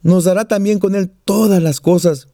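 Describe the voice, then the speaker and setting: High-voiced joking preacher man. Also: steady tone, normal speed, mellow, dry recording, studio quality. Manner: joking storyteller, plays out little voices. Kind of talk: sermon.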